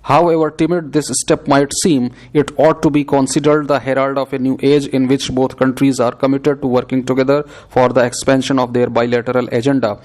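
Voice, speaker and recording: A man dictating prepared text aloud for a shorthand exercise, reading in a measured, steady, scripted way. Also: medium pitch.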